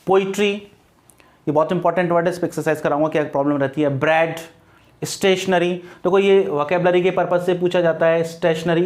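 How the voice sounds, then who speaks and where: Guy teaching english grammar online, pretty high voice, patient, spells words out. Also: a little mellow. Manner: explains patiently, reassures students, spells words letter by letter; mixes English terms into his talk.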